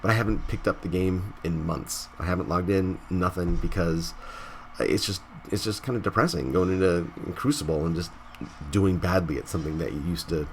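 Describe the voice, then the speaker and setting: A gaming channel host with a low voice speaks at a moderate pace over slight background noise. Stuffy from a cold, he rambles through his casual vlog, restarting often and tacking on "right?"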